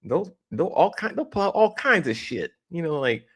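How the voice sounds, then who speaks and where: A man's voice: fairly high pitch, sing-song, moderate pace, a bit bright, slightly rough. A man in his forties giving casual, opinionated reaction commentary on a video, rambling and joking as he goes. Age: 40s.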